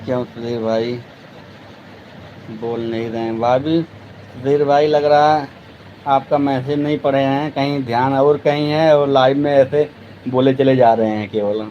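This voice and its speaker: A man chatting on a live stream, playfully teasing and calling out his viewers in loose, easy banter. His voice is mid-pitched and the audio sounds a little dull, with faint passing traffic behind him. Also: steady tone, a little slow, warm tone.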